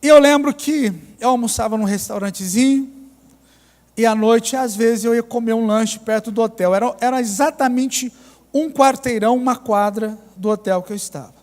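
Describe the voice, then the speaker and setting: High-voiced Mineiro pastor in a reverberant church. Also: male voice, normal speed, darkish tone. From Minas Gerais, Brazil. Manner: ironic, humorous storytelling. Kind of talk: storytelling sermon.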